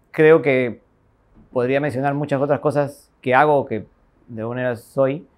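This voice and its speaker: A reflective architect from Lima, Peru, in his forties, speaks with a Lima Peruvian Spanish accent in an interview monologue. Seated in an indoor office with bookshelves, he muses thoughtfully at an even, unhurried mid pitch, using many fillers and ending thoughts with "¿no?" tags.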